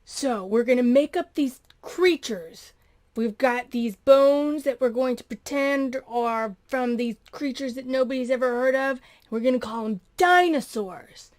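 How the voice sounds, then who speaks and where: A woman voicing a scheming scientist who invents fake creatures, in a slow, sly, mocking way. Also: high voice.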